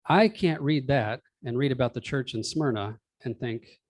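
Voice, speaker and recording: A man's voice: mid-range voice, animated, normal speed, no echo, studio quality. A man preaching in a conversational sermon style, in a wry, exasperated, ranting manner. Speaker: pastor preaching. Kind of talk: sermon, conversational with read-out article.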